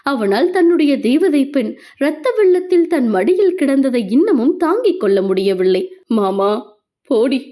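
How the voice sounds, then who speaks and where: Expressive high-voiced woman narrating a novel. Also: normal speed. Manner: expressive, emotional storytelling. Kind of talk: audiobook novel reading.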